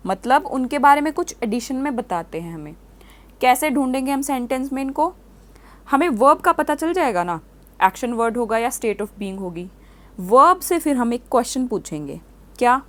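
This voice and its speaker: A woman's voice: on the high side, fairly bright tone. A woman teaching a grammar lesson, explaining step by step and asking her students many quiz questions. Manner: reads example sentences slowly and clearly. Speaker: English teacher.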